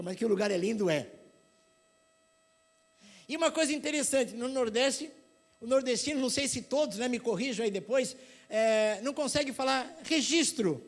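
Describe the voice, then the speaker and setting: Paulista guy preaching, super high voice, does little voices for his stories. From São Paulo, Brazil. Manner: animated storytelling, acts out voices. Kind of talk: sermon.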